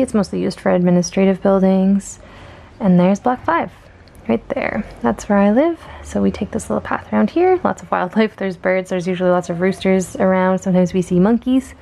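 A young Canadian student vlogger with a gravelly, dark, medium-pitched voice narrates a casual walkthrough, filming with a handheld camera. She chats with ums and small laughs, moving outdoors across campus and then indoors into her dorm room.

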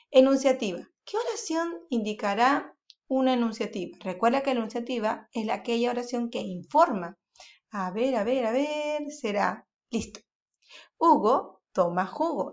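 A woman's voice: fairly high pitch, muffled recording. A woman teaching a recorded grammar lesson to primary school pupils, explaining patiently, repeating key points and checking that the children follow.

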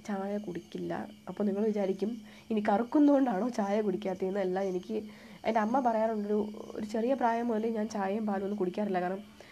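A young woman with a Thiruvananthapuram Malayalam accent, chatting live and answering viewer comments in a soft, hushed voice with English words mixed in. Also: medium pitch, fairly quick, a little hiss or hum. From Kerala, India. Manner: soft-spoken, quiet, almost hushed; mixes English words into her talk.

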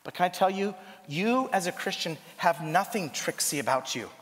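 A man from Idaho preaching a storytelling sermon as a missionary, talking in an animated, conversational way and firing off rhetorical questions. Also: high-pitched, moderate pace. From Idaho, USA. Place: church sanctuary. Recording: long church reverb.

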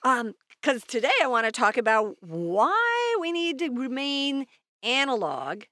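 A woman's voice: high voice, big pitch swings, measured pace, bright, forceful tone, dry recording, clean studio sound. A woman co-hosting a podcast, chatting casually and explaining ideas with everyday examples in an upbeat way. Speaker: podcast co-host. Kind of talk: casual chat. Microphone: studio microphone.

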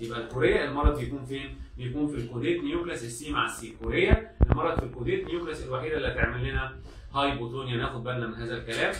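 A man's voice: mid-range voice, far from the mic, slight background noise. An Egyptian man gives a classroom lecture at a breakneck pace, hammering points home by repeating them and acting out the exam steps. He stands away from the mic. The room rings with echo. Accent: Egyptian Arabic. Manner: repetitive, drilling students, acts out exam steps. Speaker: medical lecturer. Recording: echoey room, speaker off-mic.

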